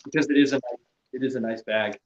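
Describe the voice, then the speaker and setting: A man's voice: mid-range voice, fairly even intonation, quick pace, echoey room, dull audio. A man talking casually as a podcast guest, laid-back and trailing off, swearing casually and laughing often. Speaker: podcast guest, gear maker. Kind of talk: casual chat.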